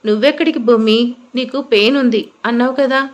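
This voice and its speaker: A woman's voice: fairly high pitch, steady tone, a little fast, lightly acted. Brief: smug teasing young husband, read by a woman narrator.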